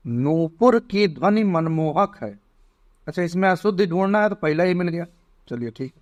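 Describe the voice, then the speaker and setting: A man teaching an exam prep lesson, slowly spelling out words one by one. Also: fairly high pitch.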